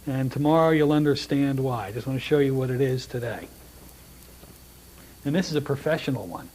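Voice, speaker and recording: A middle-aged man teaching a hypnosis class, relaxed and joking, with frequent restarts as he talks to the room. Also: medium pitch, brisk, slight background noise. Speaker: hypnosis instructor. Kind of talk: classroom lecture with demonstrations.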